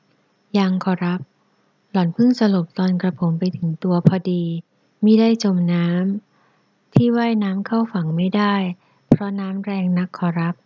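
A woman's voice: mid-range voice, fairly even intonation, unhurried, no room sound, dull audio, close to an everyday voice. A woman voicing a dutiful young male servant who reports politely and with deference. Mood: respectful.

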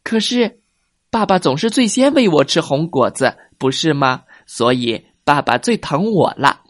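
A smug little baby ankylosaur brags in a raised, bouncy, singsong voice, as a man puts him on. The delivery is slow and storybook-like, recorded close and dry. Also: fairly high pitch, sing-song, no room sound. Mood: smug bragging. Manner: bragging, singsong. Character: boastful baby ankylosaur, young male, smug.

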